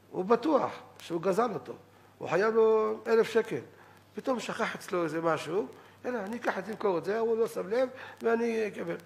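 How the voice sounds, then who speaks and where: Middle-aged male rabbi, lecture style, slightly high pitch, lively, quotes others in acted voices. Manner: animated, quotes others in acted voices, repeats words for emphasis. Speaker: rabbi giving a weekly Torah lecture. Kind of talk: Saturday-night halachic lecture.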